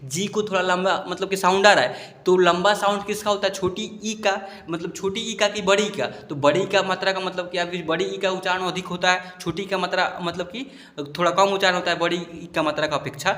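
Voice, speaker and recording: A man teaching students to read English spellings, spelling each word out slowly and asking if they understood. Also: high-pitched, steady tone, bright, forceful tone. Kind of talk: explaining a lesson to students. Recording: echoey room.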